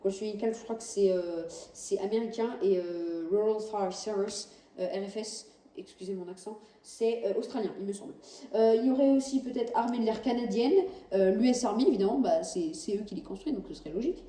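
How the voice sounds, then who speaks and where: A woman's voice: mid-range voice, quick pace, dark tone. A woman giving casual commentary over game footage, hesitant and full of fillers and self-corrections. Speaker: gaming channel host. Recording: roomy, distant mic, faint background noise.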